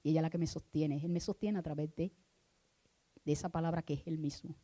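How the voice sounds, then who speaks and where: Woman minister, lower voice; fervent sermon that swings between hushed prayer and loud exhortation. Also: fairly even intonation, quick pace.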